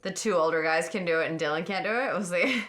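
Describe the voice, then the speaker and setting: A woman reacting to a film as she watches it, casual and excitable, gasping and talking back to the screen. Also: lowish voice, quick pace, background noise. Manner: excitable, exclaims and gasps at the screen. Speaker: movie reaction host.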